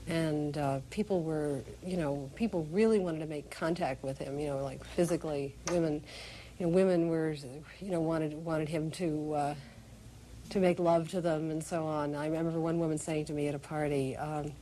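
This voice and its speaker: Woman, deep mellow voice, candid interviewee, pauses often. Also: steady tone, a little hiss or hum. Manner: candid, searching for words. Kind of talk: documentary interview.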